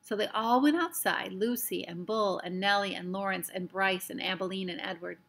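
A woman reads a children's storybook aloud, her mid-range voice carrying a slight gravelly texture. She narrates gently and expressively, lifting into small character voices as the story goes. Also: medium pitch, normal speed.

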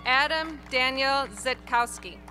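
A woman reading graduates' names one by one at an outdoor graduation ceremony, in a clear, measured announcing manner. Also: sits high, sharp tone, soft background music. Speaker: graduation name reader. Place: outdoor stadium ceremony over PA.

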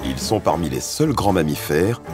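Deep-voiced man narrating a nature documentary. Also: animated, moderate pace, over music.

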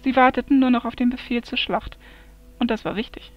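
A woman narrating a fantasy story aloud in a steady storytelling manner. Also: on the high side, brisk. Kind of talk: amateur fantasy audiobook reading. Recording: dull lo-fi recording, soft music behind.

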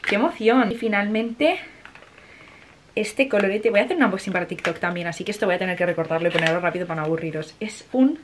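A woman, chatting excitedly as she unboxes makeup. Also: mid-range voice, fast talker, noisy background. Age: 20s. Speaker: vlogger. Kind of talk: casual unboxing chat.

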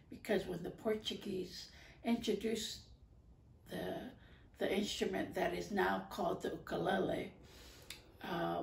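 Middle-aged woman from hawaii chatting to the camera, gravelly voice, lots of uhs, slow, roomy echo. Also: mid-range voice, a little mellow. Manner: halting, many fillers, gestures while talking. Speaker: ukulele video host. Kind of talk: casual talk to camera. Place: living room, indoors. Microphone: far camera. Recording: echoey room from a distance.

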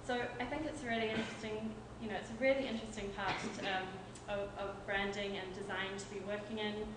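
At a tech meetup, a woman gives an informal company presentation at a quick pace, her mid-range voice fairly even in intonation. She sounds hesitant, often using fillers and restarting sentences. The recording is noisy and echoey, picked up from far away in an event venue with an audience.

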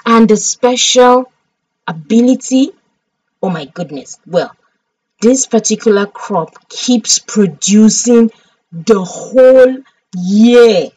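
A woman's voice: on the high side, expressive, slow pace, darkish tone, no room sound, distant mic, low-quality recording. A Nigerian woman streaming a farming game, chatty and dramatic as she talks through each step.

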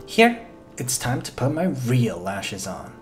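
A young man doing a comedic voiceover for a makeup video, playful and jokey, swearing freely and throwing in loud exclamations. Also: medium pitch, sing-song, slow. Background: faint background music.

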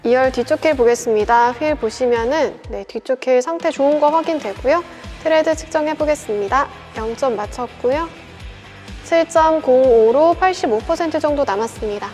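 A young woman presents a used car for a dealership, walking through it methodically and politely from a script. Her high-pitched voice is a little mellow and moves at normal speed over background music, in a large indoor showroom, the car's interior and a garage.

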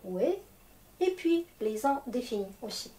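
A woman's voice: on the high side, big pitch swings, a little slow, warm tone. A woman teaching a language lesson in French, explaining patiently step by step. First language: Russian. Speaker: Russian teacher. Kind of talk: slow, clear language lesson.

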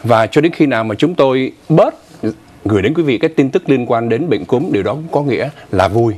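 A man's voice: mid-range voice, expressive, a little fast, a little mellow. A man in his sixties co-hosting a morning news show from a TV studio on a lapel mic, explaining the news in a chatty way with asides. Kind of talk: casual morning news commentary.

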